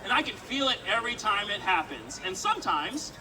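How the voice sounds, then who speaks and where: A woman's voice: mid-range voice, sing-song, brisk. A woman performing a live sword swallowing show, projecting cheeky, joking patter and bantering with the audience at an outdoor festival. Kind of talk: live comedic stage patter to a crowd. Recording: distant, noisy outdoor festival crowd recording.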